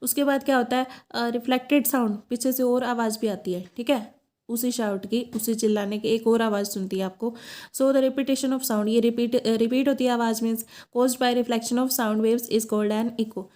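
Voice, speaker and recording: Woman teacher, higher pitch with a warm, mellow tone, lecturing step by step. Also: steady tone. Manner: explains step by step, asks herself questions, reads English definitions slowly. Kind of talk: classroom lecture.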